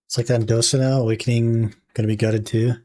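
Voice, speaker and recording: Talking fast in a mid-range voice worn a little raspy, a young man casually muses to his chat during a gaming livestream, relaxed as he plays, with keyboard clicks behind him.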